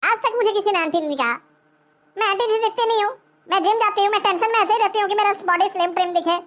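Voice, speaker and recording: A woman voicing a vain cartoon lady who is furious at being called aunty, scolding in a shrill, indignant tone. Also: quick pace, a bit bright. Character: vain offended woman, insists she's young. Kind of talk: cartoon voice acting.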